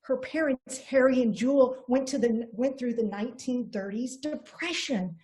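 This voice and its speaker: A middle-aged woman presenting an online seminar on a video call, energetic and storytelling, with frequent restarts. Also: a little high, normal speed.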